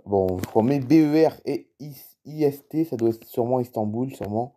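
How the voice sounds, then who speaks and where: A man with a mellow, medium-pitched voice at normal speed gives casual screen-recording commentary over a live flight-tracking map, with slight background noise. He reads out cities and plane types, chats to viewers and sounds puzzled by unfamiliar place names.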